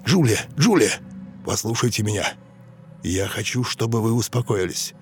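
A man voicing a calm middle-aged doctor patiently questioning a patient in an audiobook. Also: fairly low pitch, normal speed, soft background music. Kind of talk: audiobook reading.

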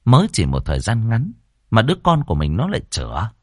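A man's voice: on the low side, wildly swooping pitch, fast talker, no echo, studio quality. A man reading a ghost story aloud with a dramatic, swooping delivery.

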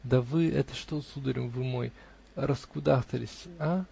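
A man's voice: mid-range voice, steady tone, a little slow, gravelly, mellow, slight background noise. A man voicing an insolent young male official who needles and mocks with heat. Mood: needling.

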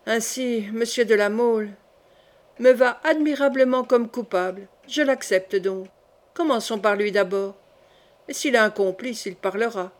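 Female reader playing a sick young king, guarded and ironic, in her own fairly high voice. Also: measured pace, close to an everyday voice.

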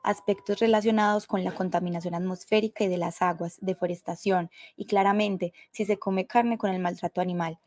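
A woman's voice: fairly low pitch, fairly even intonation, fairly quick, few pauses, darkish tone, no room sound, clean studio sound. Woman narrating a documentary.

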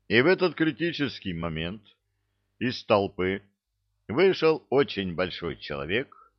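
A low-voiced man narrates a story at a slow, deliberate pace, letting his pitch rise and fall freely for effect. The sound is dry and close, with a slightly dull, muffled top end. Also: no echo. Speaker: audiobook narrator. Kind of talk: scripted narration.

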